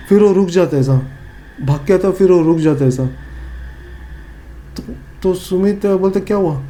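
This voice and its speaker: Guy w northeast indian accent telling a scary story, kinda high voice, mellow tone, faint hiss behind. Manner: animated, acts out friends' lines, many fillers and repeats. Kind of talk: casual spoken horror storytelling.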